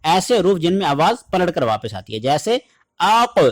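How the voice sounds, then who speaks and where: A man teaching Quran recitation in an online lesson, explaining letter sounds and then reciting verses in a slow, drawn-out chant. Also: a little high, sing-song. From Pakistan.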